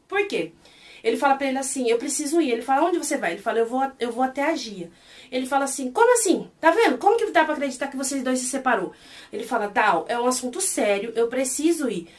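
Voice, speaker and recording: A Brazilian woman retelling and reviewing a series in an animated, exasperated, casual way. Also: sits high, far from the mic. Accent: Brazilian Portuguese.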